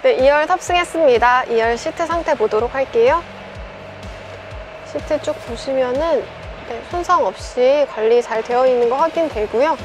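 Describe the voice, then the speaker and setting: Young korean-style car sales lady, high voice, polite step by step walkaround, music behind. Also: moderate pace. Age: young adult. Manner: methodical, polite sales presenter delivery. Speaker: used car dealership presenter. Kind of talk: scripted product walkaround presentation. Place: large indoor car showroom, car interior and garage. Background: background music.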